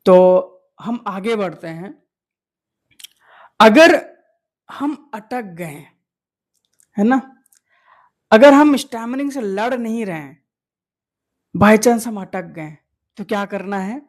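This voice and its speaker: A man's voice: high voice, animated, takes it slowly, pauses often. A man who makes videos, coaching viewers in an earnest motivational talk that repeats key points and asks rhetorical questions. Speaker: video creator coaching on fluent speaking.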